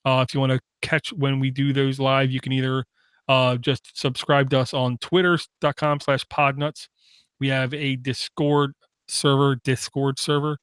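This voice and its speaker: A man's voice: medium pitch, clear, resonant tone, no echo, studio quality. A man hosting a tech podcast, wrapping up the show in a casual tone with a lot of "uh" fillers. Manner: steady, many "uh" fillers, reads out contact details. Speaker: podcast host. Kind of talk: casual sign-off chat.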